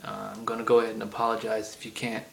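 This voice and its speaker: A gravelly, low-side voice delivers a completely flat, quick-paced game rant in a heavy Southern accent. The man is a gaming vlogger recording on an iPod camera, chatty and rambling, with many ums and side tangents.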